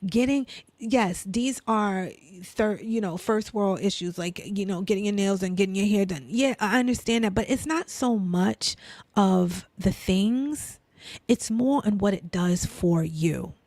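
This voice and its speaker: A Brooklyn-accented woman talks unhurriedly, with a gravelly edge in her voice. She keeps asking rhetorical questions and tagging on "right?", now and then sinking to a soft near-whisper. The sound is dry and close, with no room to it. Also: medium pitch, a little slow, no room sound. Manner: conversational, rhetorical questions, frequent "right?" and "you know". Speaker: faith and lifestyle speaker. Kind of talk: casual inspirational talk.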